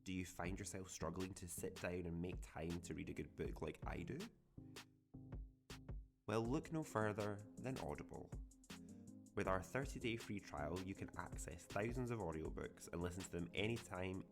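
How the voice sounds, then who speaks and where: A seductive, very deep-voiced announcer , as a man puts him on purrs through a mock advert. A clear music bed plays underneath. The read is slow, teasing and over the top. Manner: exaggerated sexy voice.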